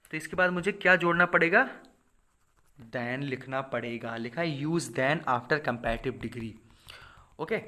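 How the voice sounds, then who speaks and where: A man from India teaching English grammar to viewers, asking questions and answering them himself, reading example sentences out slowly. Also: on the high side, pushed and bright. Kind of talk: explaining grammar rules to viewers.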